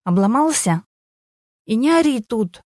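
A woman's voice: a little high, expressive, mellow, dry recording, pitched above the performer's own voice. A woman voicing a cool, sarcastic young mother brushing off her ex. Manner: dry, sarcastic, unhurried.

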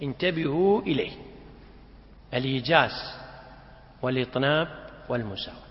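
A man's voice: medium pitch, expressive, a little fast. A man teaching a class, explaining a text with asides and corrections. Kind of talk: classroom lecture. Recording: muffled recording in echoey hall.

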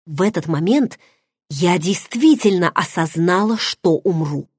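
A woman narrating a first-person audiobook in an expressive, dramatic way, recorded close to the mic. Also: on the low side, unhurried, breathy edge, no room sound.

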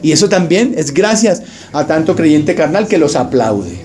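A man's voice: fairly high pitch, sing-song, unhurried, a little mellow. A man preaching a sermon as pastor, speaking straight to his congregation, joking and mimicking people as he talks. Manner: jokey, mimics voices, addresses congregation directly.

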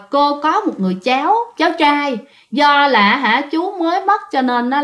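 Chatty woman storyteller. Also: on the high side. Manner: chatty, addresses listeners directly. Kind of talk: casual ghost-story narration.

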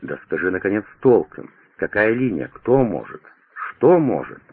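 A man voicing an aging American president who speaks in hurried, insistent questions, heard over a tinny radio broadcast. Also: lowish voice, animated, breathy edge, dry recording. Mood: agitated. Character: aging male US president, urgent, commanding.

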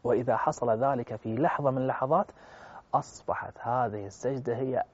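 Fast, husky-voiced male preacher. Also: mid-range voice. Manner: fervent, swelling loud at emotional peaks, addresses listeners directly. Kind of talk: religious storytelling talk. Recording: dull lo-fi recording.

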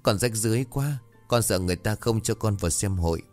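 A man's voice: fairly low pitch, fast, a little mellow, big-room sound, soft background music, lightly acted. A man voicing a poor, timid young girl who pleads plaintively.

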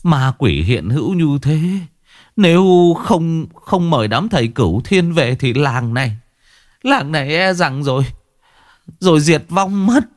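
A man voicing a frightened old village man who pleads in a halting voice. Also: a little high, very animated, no echo, studio quality, voice pushed up. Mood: fearful, pleading.

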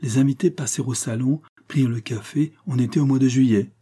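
A man narrating a short story in a measured, even audiobook reading. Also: mid-range voice, slightly rough.

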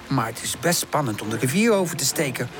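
A woman narrating a children's audiobook in an expressive storytelling manner. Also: very deep voice, fairly quick, a crowd in the background.

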